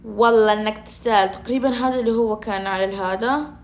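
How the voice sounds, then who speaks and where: A woman's voice: on the high side, fairly even intonation, fast talker, darkish tone. Playful woman gaming at home. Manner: playful and teasing, chatty with viewers. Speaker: gaming streamer. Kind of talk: casual gaming commentary.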